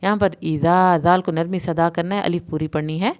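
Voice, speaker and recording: Patient woman teaching slow recitation. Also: on the low side, fairly even intonation. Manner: patient, step-by-step explaining, drawn-out recitation. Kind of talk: tajweed lesson with slow recitation.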